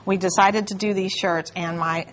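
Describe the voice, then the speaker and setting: A middle-aged woman, a guest on a morning TV show, telling a story in an animated way and acting out the dialogue. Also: mid-range voice, moderate pace. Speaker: guest, breast cancer survivor and cookbook organizer. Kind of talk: morning TV interview.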